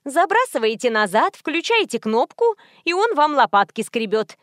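A rude young cashier as a woman reader plays her snaps out short, loud retorts in a raised voice. The audiobook sound is close and dry. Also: sits high, sing-song, moderate pace, no room sound, voice pushed up. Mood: snappy. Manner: snappy, sharp and loud.

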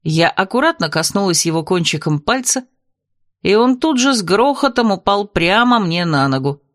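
A woman narrating a fantasy audiobook in the first person, in a lively, wry manner. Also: medium pitch, normal speed, no room sound, clean studio sound.

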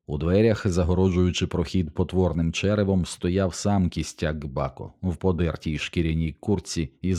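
A man narrating an audiobook in a calm, measured reading. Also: low voice. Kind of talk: scripted narration.

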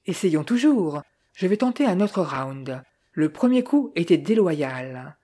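A woman's voice: lowish voice, very animated, slow, mellow, breathy edge, exaggerated voice. A woman voicing a polite, joking young man in an audiobook, courteous and wry.

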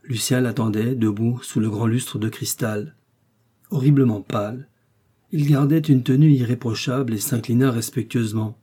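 A man narrating a classic novel in a measured, even reading voice. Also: medium pitch, husky. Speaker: audiobook reader. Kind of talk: literary audiobook narration.

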